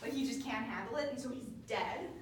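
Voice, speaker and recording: A woman's voice: a little high, fairly quick. A young woman student chattily retelling a play's plot to her study group, with sarcastic asides and lots of fillers. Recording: echoey room, distant mic, faint noise.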